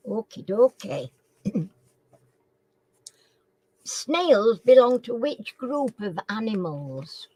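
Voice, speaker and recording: A woman hosts a live quiz chat, casually reading and repeating questions, her words slightly slurred and toothless. Very animated yet very slow, she pauses often in a slightly high, mellow voice with a breathy edge; there's no room sound, but the audio is poor.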